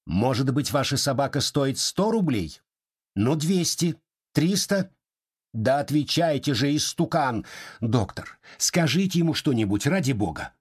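A man reading an audiobook voices an impatient, imperious rich lady who scolds and bargains in a husky voice. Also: mid-range voice, a little mellow, pitched above the performer's own voice.

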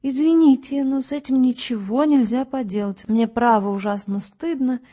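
Woman doing a teary high-pitched crazy guy who keeps saying sorry, timid, mellow tone. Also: normal speed. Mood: tearful apologetic. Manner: tearful, timid, over-polite. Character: unhinged, endlessly apologetic male investigator.

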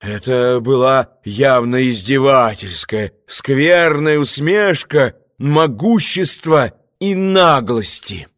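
Slow, expressive male audiobook narrator. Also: mid-range voice, dry recording, studio quality. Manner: deliberate, expressive reading. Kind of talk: scripted narration.

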